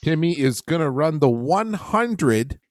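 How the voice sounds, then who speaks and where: A man's voice: a little high, sing-song, unhurried, dry recording, studio quality. A man co-hosting a podcast in casual chat, laid-back and swearing casually. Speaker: podcast co-host. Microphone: video call.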